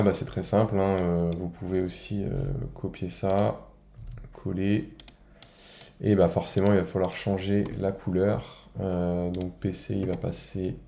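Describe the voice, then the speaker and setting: A man speaks slowly in a lowish, creaky voice. He casually walks through software steps, thinking aloud as he goes. His informal tutorial delivery is unhurried and improvised. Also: reverberant, a little hiss or hum. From France. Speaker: video editing tutorial presenter.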